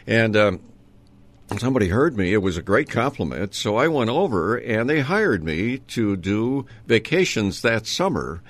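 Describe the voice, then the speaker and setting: A man's voice: on the low side, very animated, normal speed. Older man, retired announcer reminiscing. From Minnesota. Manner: rambling, many ums and uhs, chuckling. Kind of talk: reminiscing interview talk.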